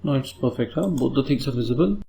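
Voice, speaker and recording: A man's voice: mid-range voice, expressive, quick pace, creaky, dark tone. A man with an Indian English accent teaching a coding tutorial, explaining step by step and checking in with tag questions. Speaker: programming tutor. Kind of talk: screen-recorded coding tutorial.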